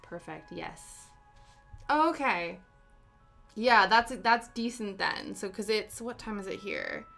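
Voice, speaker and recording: Speaking slowly in a sing-song, medium-pitched voice with vocal fry, a young Canadian woman sounds bright and forceful. She chats casually on a live stream from her UK home, tossing giggly asides to chat while faint music plays.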